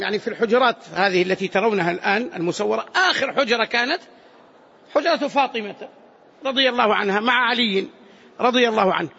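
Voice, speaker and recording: A man teaching a hadith lesson in a large mosque, lively and acting out pleading voices. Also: high voice, gravelly, breathy edge. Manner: lively, acts out pleading voices, colloquial asides. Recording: dull lo-fi mosque recording.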